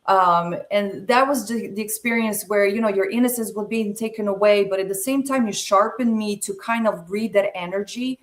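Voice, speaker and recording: A woman in her forties from Serbia, a podcast guest telling her life story in a measured, reflective way with frequent pauses. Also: medium pitch. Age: 40s. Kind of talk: personal storytelling interview.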